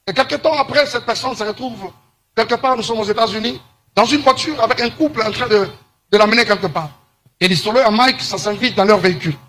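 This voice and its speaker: Man from Congo, higher-pitched, emphatic moralizing monologue to camera, drawn-out stresses. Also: sharp tone, a little hiss or hum. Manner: preachy, emphatic, slows to stress points. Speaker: commentator.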